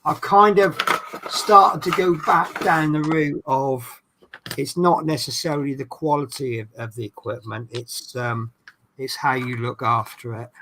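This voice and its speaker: A man's voice: medium pitch, measured pace, noisy background. A man with a Norfolk accent, chatting casually and teasingly as he hosts a hobby stream. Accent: Norfolk English. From East Anglia, England. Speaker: livestream host doing a hobby build. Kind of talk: casual chat while working at a hobby.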